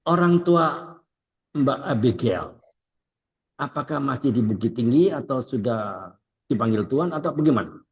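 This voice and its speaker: A male evangelist host interviews a guest and breaks in to tell his listeners to listen closely. His voice sits at an ordinary middle pitch and sounds dull and lo-fi. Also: animated, moderate pace, long pauses. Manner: urges listeners to pay attention.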